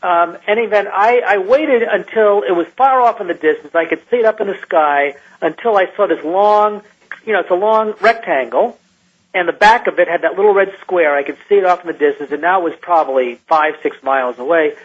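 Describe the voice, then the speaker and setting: A man who is a scientist recounts an encounter in a radio interview, halting and restarting often as he talks. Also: sits high. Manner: halting, with many restarts and fillers. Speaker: guest scientist. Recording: muffled lo-fi radio line.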